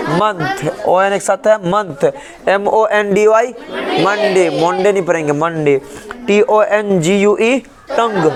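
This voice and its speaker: A male English teacher in a classroom, spelling words letter by letter and quizzing his class with repeated questions. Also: high voice. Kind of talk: classroom lesson.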